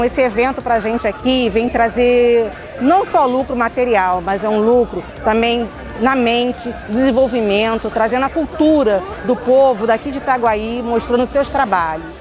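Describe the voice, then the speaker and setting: A woman's voice: fairly high pitch, moderate pace, over music. A Brazilian woman, a cooperative vice-president, speaking briefly and composedly in an outdoor street interview. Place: outdoor street craft fair. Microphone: lapel mic.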